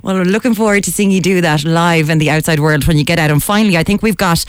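A woman's voice: on the low side, quick pace, clean tone, no echo, studio quality. A woman with an Irish accent hosting a light live radio interview. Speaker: radio host.

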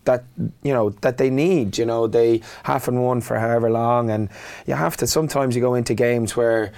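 A man giving casual sports analysis as a rugby pundit, halting and repeating words as he reasons. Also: mid-range voice, steady tone, darkish tone. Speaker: rugby pundit, former player or coach.

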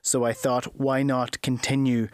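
A man's voice: mid-range voice, level tone, a little slow, a little mellow, smooth, no room sound, clean studio sound. A man hosting a football podcast, chatty and conversational, asking several questions in a row. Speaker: podcast host.

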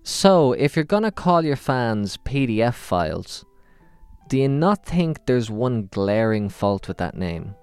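A man putting on a sharp-witted young woman who asks pointed, articulate questions. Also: mid-range voice, very animated, a little slow, clean tone, dry recording, soft background music. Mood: quizzical.

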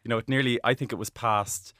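A man giving his opinions in a measured, conversational way as a panel guest. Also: medium pitch, fairly even intonation, pushed and bright, no echo, studio quality.

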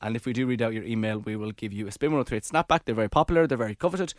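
A man's voice: mid-range voice, very fast, no echo, studio quality. A young Irish-accented man chatting casually and animatedly as co-host of a radio podcast.

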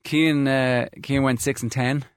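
A man hosting a casual sports chat, talking in a dry and teasing way. His pitch sits in the middle, and the sound is close and dry with no room to it. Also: little pitch movement, a little slow, smooth, no room sound. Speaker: podcast host.

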